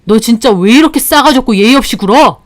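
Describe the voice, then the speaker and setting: A woman's voice: a little high, lively intonation, brisk, lightly acted. A woman voicing an exasperated adult man who sternly scolds his younger sister. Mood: scolding.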